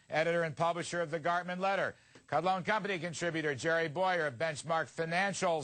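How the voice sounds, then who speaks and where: A man hosting a business news discussion, asking questions in an emphatic, lively way. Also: a little high. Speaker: show host.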